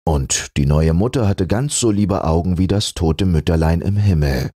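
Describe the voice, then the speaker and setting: Deep, slow guy reading bedtime fairy tales, husky voice, dry close mic. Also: dark tone, dry recording. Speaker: storyteller. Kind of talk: bedtime audiobook narration.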